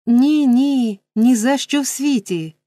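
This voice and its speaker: A theatrical, fussy matron, as a woman narrator puts her on in a storybook, moaning and breathless. The voice is lifted higher than the narration, with a mellow tone. The recording is close and dry. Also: slow, dry recording. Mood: coy. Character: fussy fainting middle-aged matron.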